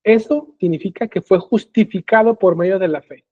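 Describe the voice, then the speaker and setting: High-voiced man teaching over a tinny call. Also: moderate pace, no room sound. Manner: explanatory, often checks in with "¿sí?" and "¿ok?". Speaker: Bible teacher. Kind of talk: live online Bible class. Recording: tinny phone-like call audio.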